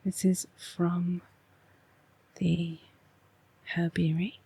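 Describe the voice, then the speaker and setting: Hushed, breathy English woman, slow ASMR reading. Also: fairly low pitch, little pitch movement. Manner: hushed voice, softly spoken and half-whispered. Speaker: oracle card reader and ASMR host. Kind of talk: soft-spoken rambling ASMR card reading.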